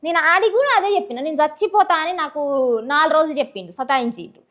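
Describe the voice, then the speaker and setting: A woman's voice: high voice, lively intonation, fast talker, pushed and bright. A woman with a Telangana Telugu accent from a village, speaking bluntly and passionately as an interview guest. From rural Telangana village. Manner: blunt, outspoken, impassioned. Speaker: guest, social media personality. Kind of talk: candid interview talk.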